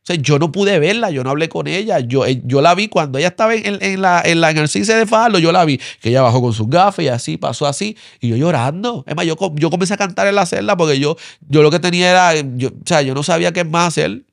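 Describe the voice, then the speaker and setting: A male pastor with a Puerto Rican Spanish accent, telling his story in an interview, earnest and repetitive, his voice sinking low and soft when moved. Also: expressive, fast, gravelly, few pauses, no echo, studio quality.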